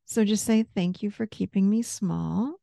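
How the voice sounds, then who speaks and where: A woman therapist gently guiding someone through a parts-work session with patient, step-by-step prompts. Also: medium pitch, a little slow, gravelly, no room sound, studio quality.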